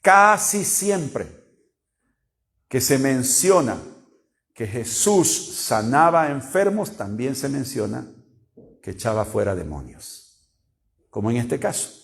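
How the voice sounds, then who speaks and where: A man preaching a sermon, explaining scripture slowly and comparing several Bible versions as he reads. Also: mid-range voice, sing-song, creaky.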